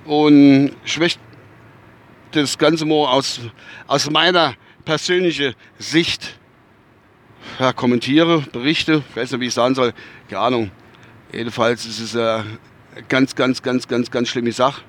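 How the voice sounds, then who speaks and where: Driving his car, a podcast host with a Westphalian accent delivers a casual, rambling monologue, groping for words, swearing casually and full of fillers and restarts. His mid-range voice is steady, a bit bright and unhurried, with long pauses.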